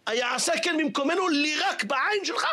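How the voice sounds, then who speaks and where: A preacher voicing indignant male disciples who speak slowly and emphatically. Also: very high voice, animated, pushed and bright, pitched above the performer's own voice, heavily acted. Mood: outraged.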